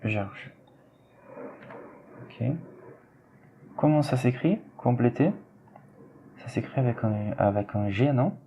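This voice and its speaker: A man teaching a French lesson, slowly and patiently repeating words for his students. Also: medium pitch, warm tone, muffled recording, a little hiss or hum. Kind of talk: classroom explanation while writing on screen.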